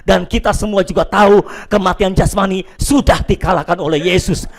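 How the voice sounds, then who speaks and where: A male pastor preaching a sermon to a church and viewers at home, emphatic, dropping between loud declarations and quiet asides. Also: high voice, fairly even intonation, moderate pace.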